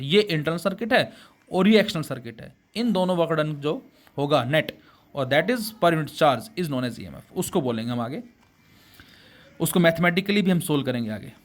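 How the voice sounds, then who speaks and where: A man teaching physics in Hindi mixed with English terms, calling his students beta and asking questions he answers himself. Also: a little high. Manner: asks rhetorical questions and answers them himself. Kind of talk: classroom physics lecture.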